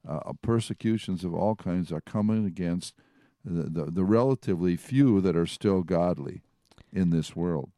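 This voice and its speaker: A man's voice: sits low, moderate pace, warm tone, dry recording, clean studio sound. A man teaching from the Bible in a conversational way, retelling and reading passages aloud. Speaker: preacher.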